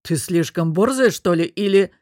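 Audiobook: woman doing rude young man, gruff, rumbling, slightly lowered and loud. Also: fairly even intonation, moderate pace, no room sound, studio quality, lightly acted. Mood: angry. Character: tall angry rude young man, pushy.

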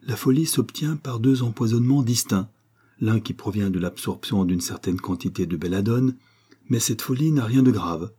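A man reading the lines of a calm, precise doctor in a storybook, speaking in a measured, explanatory way. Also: on the low side, breathy edge. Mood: grave, measured. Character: serious middle-aged male doctor, calm and precise.

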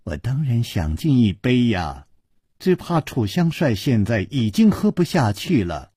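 A man's voice: medium pitch, very animated, measured pace, husky, dry recording, studio quality. A man doing a charming, teasing hostess. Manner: smiling, gently teasing. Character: charming, graceful young hostess.

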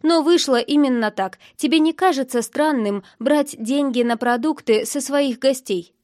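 A woman's voice: high-pitched, normal speed, a little mellow, dry recording, studio quality, close to an everyday voice. A woman reading the part of a stern, domineering wealthy man who presses with curt questions. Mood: pressing.

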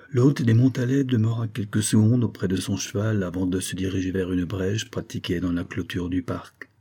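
Low, dark-voiced male narrator. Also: slightly rough. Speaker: audiobook narrator. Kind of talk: scripted narration of a novel.

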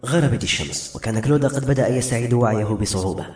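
A man narrating a novel in an expressive, dramatic reading. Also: mid-range voice, racing. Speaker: audiobook narrator. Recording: roomy audiobook recording, faint music.

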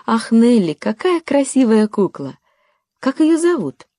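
A timid little pioneer girl with a small, high voice, voiced by a woman reading aloud. She speaks carefully and politely, in brief, soft replies. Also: sing-song, measured pace, no room sound, clean studio sound. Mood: delighted.

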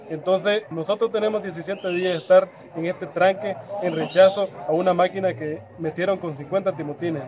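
A man coordinating a community movement, speaking fast and insistently outdoors at a protest. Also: high voice. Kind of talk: on-the-street statement. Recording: outdoor field recording with crowd. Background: crowd.

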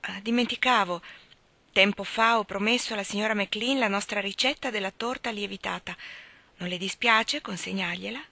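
A woman's voice: mid-range voice, moderate pace, creaky, sharp tone, no echo. A woman voicing a small, wrinkled, proud old spinster in an audiobook, speaking with stiff, bitter formality.

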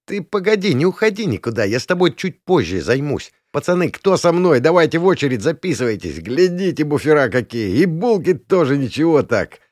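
A man's voice: a little high, very animated, a little fast, few pauses, a little mellow, no room sound, studio quality, voice pushed up. A man doing a sneering young gang leader. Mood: mocking. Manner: sneering, jeering. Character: cocky young male gang leader, crude and mocking.

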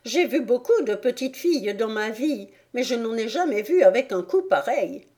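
A woman voicing a big, fretful male pigeon in an audiobook, with a shrill, sobbing quality and an indignant, accusing manner. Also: expressive, normal speed, warm tone, lightly acted. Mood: scornful. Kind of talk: audiobook character voice.

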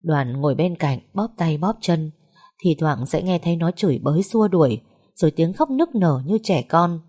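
A woman reading a story aloud in a slow, mournful narration. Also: low-pitched, animated, warm tone, slightly rough. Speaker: audiobook narrator.

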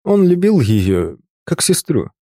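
A man narrating an audiobook in an even, measured literary reading. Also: a little high, no echo, clean studio sound.

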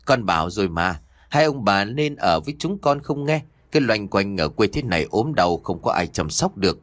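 A man's voice: on the low side, big pitch swings, normal speed, no room sound, studio quality. A man voicing a caring middle-aged son who fusses over his old parents in a spoken ghost story. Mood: coaxing.

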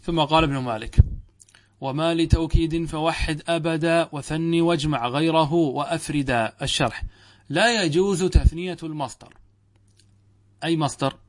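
A middle-aged man teaches a grammar lesson as a sheikh, and his voice sits somewhat higher than most men's. He reads a passage aloud, then works through it in plain classroom commentary. He keeps checking that his students follow with short rhetorical questions. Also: moderate pace. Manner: quizzes listeners with rhetorical questions; reads verse and text aloud, then explains it.

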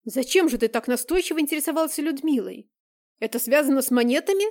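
A woman's voice: sits high, expressive, quick pace, a little mellow, voice pushed up. A woman reader voicing an anxious older stepfather who presses with questions and pleads for mercy. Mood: indignant. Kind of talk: audiobook character reading.

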